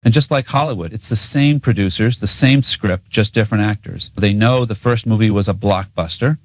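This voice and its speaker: A man's voice: fairly low pitch, normal speed. A man co-hosting a political talk show, trading a scripted rant in sarcastic, cynical, profane street talk. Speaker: co-host.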